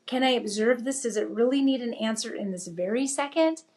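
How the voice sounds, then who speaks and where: A middle-aged woman shares her life story with an interviewer. She speaks with a slightly high voice and keeps it animated, slipping into the voices of the people she quotes. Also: fairly quick. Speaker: interview guest. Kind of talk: personal storytelling.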